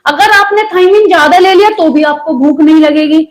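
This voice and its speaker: A woman's voice: extremely high pitch, normal speed. A young woman teaching an online exam-prep lesson in a chatty way, teasing her students with jokes.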